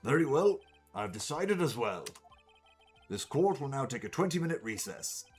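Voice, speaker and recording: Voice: mid-range voice, big pitch swings, soft background music, close to an everyday voice. A streamer voicing a stern, formal elderly male judge in a game read-through. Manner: formal, measured pronouncements.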